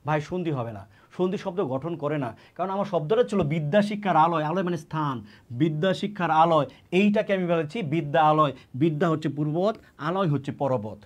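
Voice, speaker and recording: A man's voice: on the high side, fast talker. A man giving an exam-prep grammar lesson, often repeating key words and asking and answering his own questions. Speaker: teacher.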